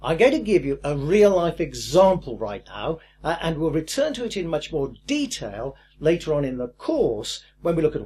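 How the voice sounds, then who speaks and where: Older guy teaching a course, husky voice, lively and emphatic, pitch on the high side. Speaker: course instructor. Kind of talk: recorded course lesson.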